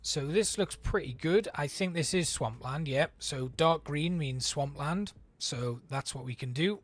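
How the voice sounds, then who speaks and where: A man's voice: on the high side, measured pace. A man streaming a city-building game, chatting and thinking aloud as he plays. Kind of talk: let's play commentary.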